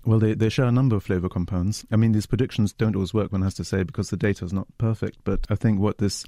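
A male researcher explaining his work in a measured way on a science radio show, with frequent small restarts. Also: on the low side, fairly even intonation, dark tone, no echo, clean studio sound. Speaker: researcher guest.

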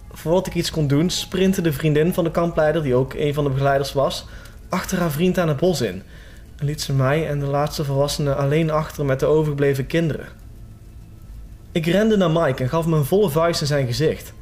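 A man narrating a scripted horror story in a steady, suspenseful manner. His voice sits somewhat high for a man, and faint music plays behind him.

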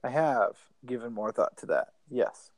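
A man's voice: mid-range voice, animated, measured pace, a little mellow, no room sound. A man speaks in a dry, hesitant way as a podcast co-host, and his voice is recorded close and dead with no room sound. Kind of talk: casual chat.

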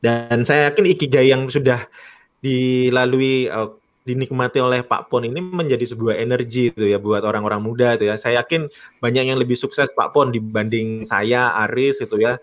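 A man co-hosting a live talk, musing slowly and tagging his phrases with "you know" style fillers, and reading out viewer comments. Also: mid-range voice, steady tone. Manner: frequent tag "itu ya" and "gitu ya", hesitant fillers; reads viewer comments aloud. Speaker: co-host of a live talk show. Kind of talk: casual reflective discussion.

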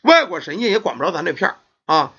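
A man's voice: a little high, big pitch swings, fast, slightly rough, muffled recording, full character voice. A man doing a scolding village aunt. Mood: angry. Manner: scolding, shouting. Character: angry protective village aunt.

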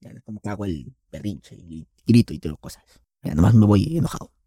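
A man's voice: fairly low pitch, brisk, dark tone, slightly rough, dry recording, clean studio sound. A young man with a Mexican accent giving a crude, joking comedic monologue full of slang. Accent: Mexican Spanish.

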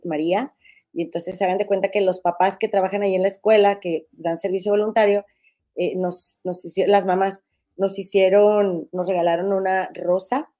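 With a fairly low, warm voice, this Monterrey woman chats casually on her gossip podcast in a northern Mexican accent. Her folksy, talkative delivery sounds nasal and congested because of a head cold.

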